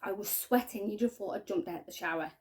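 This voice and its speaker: A woman giving a halting, earnest personal testimony to camera, often trailing off quietly. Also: medium pitch. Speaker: spiking victim sharing her story.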